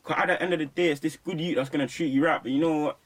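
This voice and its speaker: A man's voice: on the high side, fairly even intonation, very fast, a little hiss or hum. A young man with a London roadman accent, talking emphatically and preachily in heavy street slang in a casual interview. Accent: London roadman, urban slang. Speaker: rapper being interviewed. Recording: slightly distant microphone.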